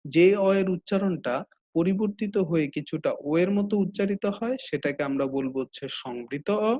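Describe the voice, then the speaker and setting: Patient male teacher, slightly high voice. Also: normal speed. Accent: Bangladeshi Bengali. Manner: patient, repeats each rule twice. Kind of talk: slide-based grammar lesson. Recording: dull lo-fi audio.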